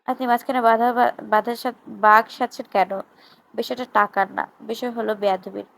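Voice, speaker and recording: A woman's voice: a little high, fairly even intonation, normal speed, vocal fry, a bit bright, poor audio. A woman reading the lines of a defiant young man who swears back at his accuser in a club brawl. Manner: defiant, crude, provoking.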